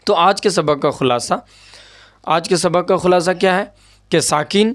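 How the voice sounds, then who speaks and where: A man with a slightly high voice teaches a grammar lesson, patiently repeating each point and pausing to check that the class follows. The sound is dry and close, with no room echo. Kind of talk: board lesson explaining grammar.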